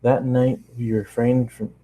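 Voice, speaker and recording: A tired amateur narrator, running out of steam, reads fan fiction aloud, often stumbling and rereading phrases. His mid-range voice is level, mellow and measured in pace, and the audio is poor.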